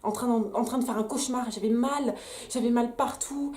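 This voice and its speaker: A woman's voice: fairly high pitch, normal speed, darkish tone. A young woman vlogger candidly telling a personal story straight to the camera, emphatic and full of restarts. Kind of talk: story time vlog. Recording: echoey room.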